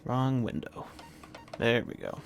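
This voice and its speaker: Streaming a game live, this man talks in a relaxed, meandering way, stopping and restarting and using lots of fillers. His hoarse, scratchy voice sits at medium pitch, with fairly flat intonation and an unhurried pace.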